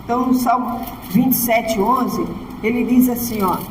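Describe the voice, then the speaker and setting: A Brazilian woman pastor preaches from the altar in a high, ringing voice. Her words echo through a large church hall with a long tail of reverb. She keeps checking in with her listeners for an "amen" as she speaks. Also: moderate pace, noisy background. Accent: Brazilian Portuguese. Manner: preaches emphatically, often asking the congregation "Amém?". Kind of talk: sermon.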